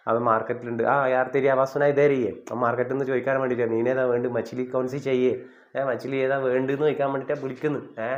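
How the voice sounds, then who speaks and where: A man's voice: mid-range voice, dull audio. A man teaching a spoken Hindi lesson, explaining step by step and often checking that listeners follow.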